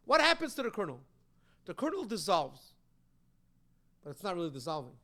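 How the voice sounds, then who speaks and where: A man's voice: high-pitched, huge pitch swings, normal speed, sharp tone. A man, a rabbi, teaching a Torah class, explaining texts and reading them aloud with strong emphasis.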